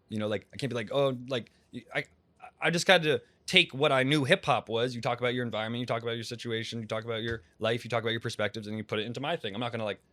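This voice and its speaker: Fast-talking slangy young man. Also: medium pitch, a bit bright, dry recording. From Massachusetts. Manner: fast, slangy, rambling with restarts and profanity. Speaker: rapper, interview guest. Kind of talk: casual interview chat.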